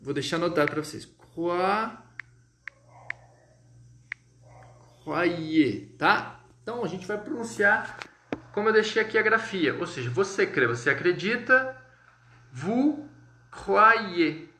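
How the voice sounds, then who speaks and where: Speaking in a high pitch with lively intonation and a bright, forceful tone, a Brazilian-accented man teaches French live online. He goes step by step, checks in with viewers regularly, and enunciates French words slowly and clearly; there's slight background noise in an echoey room.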